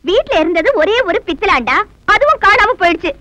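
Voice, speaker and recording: An actress playing a proud, spirited young village woman, sharp-tongued and defiant. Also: very high voice, sing-song, brisk, no echo, heavily acted. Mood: exasperated. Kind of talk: TV drama acting.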